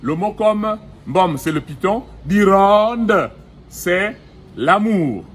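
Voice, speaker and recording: A middle-aged man giving a recorded language lesson outdoors, speaking slowly and deliberately and repeating each vowel and example word. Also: high-pitched, lively intonation, breathy edge. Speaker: language teacher. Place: outdoors in the sun.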